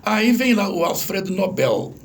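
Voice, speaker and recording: A man's voice: sits high, takes it slowly, a little hiss or hum. A man with a Brazilian accent, a language professor explaining things patiently in an interview. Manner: didactic, animated, spells out examples.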